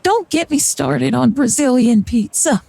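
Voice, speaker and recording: A young woman streamer, her voice a little high and very animated with some vocal fry, speaks at a measured pace over crowd noise. She rambles and jokes casually through a card reading on a live stream, with fillers and short laughs.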